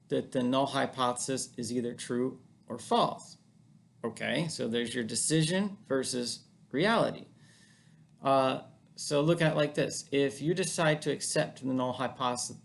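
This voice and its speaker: A man with a mid-pitched, gravelly voice walks through a statistics lesson at home. He talks casually to the camera, with plenty of fillers and restarts as he explains. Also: a little hiss or hum. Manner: casual, chatty explaining with frequent fillers and self-corrections. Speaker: statistics teacher. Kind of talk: informal recorded lecture.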